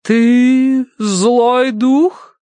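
A man reading an audiobook voices an imperious woman spirit medium who speaks in a slow, hoarse, eerie howl. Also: extremely high pitch, fairly even intonation, warm tone, dry recording, voice pushed up, full character voice. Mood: commanding. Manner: slow, commanding pronouncements. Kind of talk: audiobook character voice.

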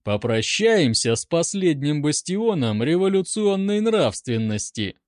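A man's voice: a little high, very animated, a little slow, dry recording, clean studio sound, voice pushed up. A man doing a sneering arrogant lieutenant. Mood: mocking, commanding. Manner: mocking, commanding.

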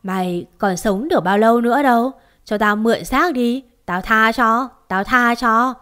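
A woman voicing a sneering female demon who taunts her victim in a slow, menacing way. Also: on the high side, a bit bright, clear, resonant tone, natural voice. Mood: taunting.

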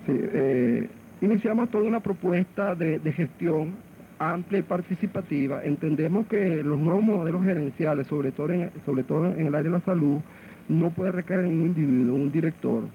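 A man with a Venezuelan accent, a hospital director interviewed on AM radio, halting and repeating words as he searches for them. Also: fairly high pitch. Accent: Venezuelan Spanish. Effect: AM radio broadcast sound. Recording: muffled AM radio with faint hiss.

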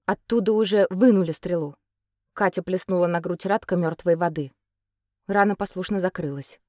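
An audiobook narrator, a woman with a fairly low voice, reads a fairy-tale novel in a scripted narration that's expressive and measured in its storytelling. The recording is dry and clean, with studio quality.

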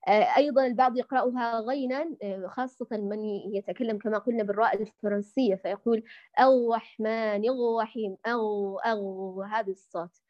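A woman's voice: mid-range voice, fairly even intonation, fast, muffled recording. A woman teaching Quran recitation in a recorded lesson, patiently demonstrating sounds and calling her listeners dear. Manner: addresses listeners fondly as dears.

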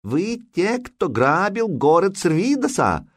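A gruff, menacing interpreter, put on by a male narrator, who snaps out short, broken questions in a higher, slower voice with a lively, swinging pitch. It sounds close and completely dry, with no room around it. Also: no room sound. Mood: demanding. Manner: broken halting speech, barked demands.

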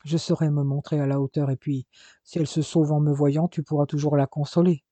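Injured young guy, quiet and sorry, as a man reads him, dark soft voice. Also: a little high, little pitch movement, fairly quick, no room sound, lightly acted. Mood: subdued. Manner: quiet, subdued. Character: weak injured young man, fearful and remorseful.

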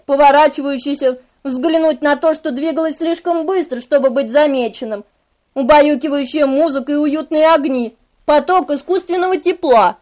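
A woman's voice: sits high, darkish tone. A woman reading a novel aloud in a dramatic, vivid first-person narration. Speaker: audiobook narrator.

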